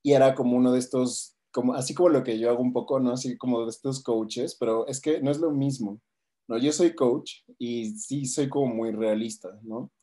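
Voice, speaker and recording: A man's voice: mid-range voice, steady tone, moderate pace, mellow. A man with a Mexican accent, a coach casually retelling a book, rambling and tagging his sentences with questions. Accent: Mexican Spanish. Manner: rambling, tags lines with "¿no?".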